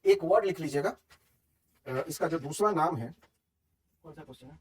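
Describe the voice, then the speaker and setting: Man, Hindi accent, brisk classroom quiz review, high voice, distant from the mic. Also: husky. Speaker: teacher.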